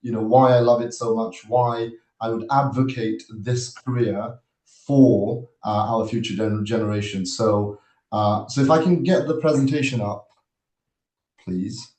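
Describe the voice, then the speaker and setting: A man in his thirties from Nepal delivers a webinar presentation over a video call. He speaks in an earnest, measured way, with frequent hesitations and restarts. His voice sits in a middle register, and the room around him sounds noticeably echoey. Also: medium pitch, fairly even intonation, darkish tone. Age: 30s. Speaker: guest speaker, army officer.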